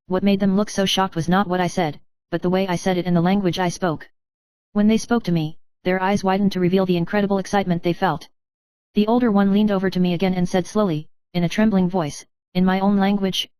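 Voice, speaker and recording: Smooth, clear woman reading a story. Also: mid-range voice, a little mellow, no echo. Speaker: narrator. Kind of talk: scripted first-person story narration.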